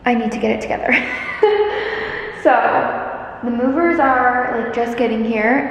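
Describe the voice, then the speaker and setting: A woman's voice: a little high, darkish tone. Young woman vlogger, handheld camera, chatty gushing delivery, faint hiss behind. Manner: chatty, gushing, many "like" fillers. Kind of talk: casual vlog narration. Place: empty apartment, indoors. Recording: echoey empty rooms, faint background noise.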